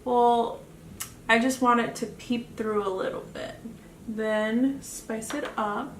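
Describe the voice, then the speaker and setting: A beauty vlogger with a Mexican accent talks casually through a makeup tutorial, her slightly high voice steady and unhurried, and she often lets sentences trail off. The room is echoey, the mic sits at a distance, and there's a faint hiss.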